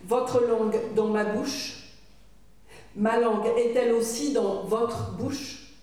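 A woman performing a spoken-word poem in a measured, incantatory, questioning manner. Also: a little high, darkish tone. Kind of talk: spoken-word poetry recitation. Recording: very echoey room, voice from far off.

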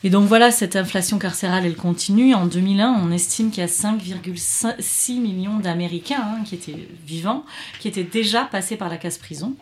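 A woman's voice: medium pitch, brisk, a little mellow, slight background noise. A woman co-presenting a radio talk segment in the studio, explaining with a few fillers.

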